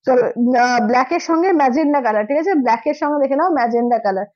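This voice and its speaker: Hoarse fast-talking saree seller woman. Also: sits high, no room sound, highs cut off. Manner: brisk, repeats prices, keeps asking "okay?". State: hoarse from a cold. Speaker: saree seller on a live sale stream. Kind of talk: live-stream sales pitch.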